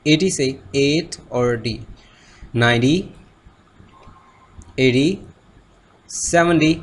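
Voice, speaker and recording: A man teaching a spoken lesson, drilling number words slowly with clear stress. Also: medium pitch. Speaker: English teacher.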